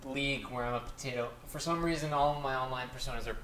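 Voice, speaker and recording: A man's voice: mid-range voice, quick pace, a bit bright, echoey room, slight background noise, rough recording. A man, a podcast guest, chatting casually in a rambling, self-deprecating way. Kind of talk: casual chat.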